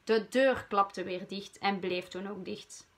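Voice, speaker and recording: Slow-reading Flemish teacher. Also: female voice, mid-range voice, fairly even intonation, fairly bright tone. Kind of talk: storybook read-aloud for children.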